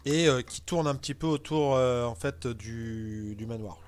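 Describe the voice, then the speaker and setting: A man improvising narration as game master of a tabletop role-playing game, in halting phrases with casual asides. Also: medium pitch.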